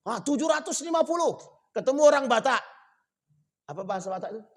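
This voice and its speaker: A man delivering a sermon in a fairly high voice. He talks directly to his listeners with rhetorical questions, climbing to loud emphatic peaks and then dropping to low, quiet stretches. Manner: lively, swings between loud emphatic rises and low quiet drops. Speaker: preacher.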